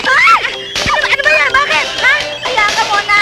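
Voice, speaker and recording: A woman's voice: very high voice, big pitch swings, moderate pace, over loud music, heavily acted. A shrieking, frantic comic woman. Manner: shrieking, exclamatory. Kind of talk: film slapstick comedy. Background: loud film score.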